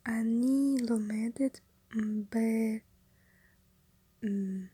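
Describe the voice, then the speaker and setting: A young woman, a non-native Hebrew speaker with a foreign accent, introduces herself in simple, hesitant phrases, searching for words in a breathy voice. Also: fairly high pitch, warm tone, dry recording. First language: not a native Hebrew speaker. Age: young adult. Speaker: language learner, university student. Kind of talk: simple self-introduction in a learned language.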